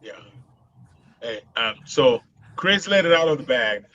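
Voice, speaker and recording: A man's voice: medium pitch, lively intonation, a little slow, sharp tone, lo-fi sound, slight background noise. A man with a Boston accent hosting a casual live show, rambling with many fillers and laughing often. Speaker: host.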